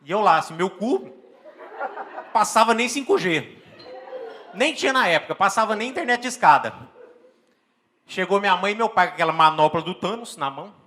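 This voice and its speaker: A Brazilian man with a Brazilian Portuguese accent doing stand-up comedy and telling an animated story on a live stage, with exaggerated exclamations and acted-out scenes. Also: high-pitched, normal speed, long pauses, a little hiss or hum. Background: faint audience laughter.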